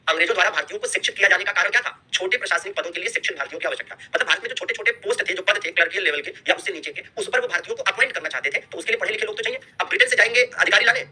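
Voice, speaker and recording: A man's voice: high voice, sharp tone, a little hiss or hum. A man teaching a history lesson to exam students, repeating key terms and answering his own questions, mixing in English terms and friendly asides to the class. He is a little unwell. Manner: mixes Hindi with English terms; friendly asides to students, calling them "bhaiya" and "dost". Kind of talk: online exam-prep history lecture.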